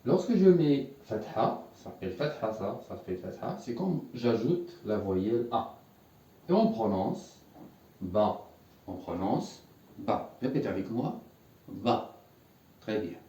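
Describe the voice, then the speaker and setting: In a sing-song, mid-range voice with a dark tone, a man leads an Arabic lesson at a whiteboard a little slowly, patiently repeating words for learners to echo back. He is recorded from a distance in an echoey room.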